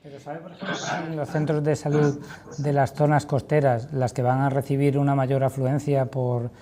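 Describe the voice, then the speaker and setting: A woman's voice: a bass voice, flat delivery, normal speed, dark tone. A woman interviewing on a TV programme, asking long, formal, wordy questions.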